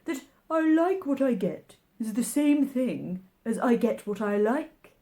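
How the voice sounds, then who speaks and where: A contrary storybook hare, put on by a woman reader, rude and pedantic. He leans on his words slowly, with lively rises and falls. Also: on the high side, voice pushed up. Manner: emphatic, pedantic, needling.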